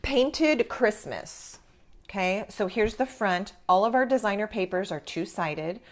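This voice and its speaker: A woman's voice: medium pitch, normal speed. A woman hosting a live craft tutorial, talking informally and encouragingly as she explains each step. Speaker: craft class host.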